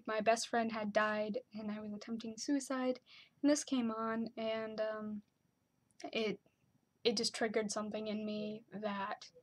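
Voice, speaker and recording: A young woman chatting casually to her camera, with lots of "like" and "um" fillers. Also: fairly high pitch. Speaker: vlogger.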